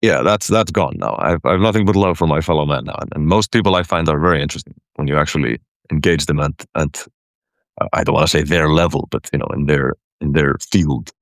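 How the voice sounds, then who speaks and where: An Icelandic man, a caller and guest in a casual personal conversation, talks about his past, stumbling, repeating words, and restarting his thoughts. His very deep, gravelly voice moves a little fast. The recording is close and dry, with no echo.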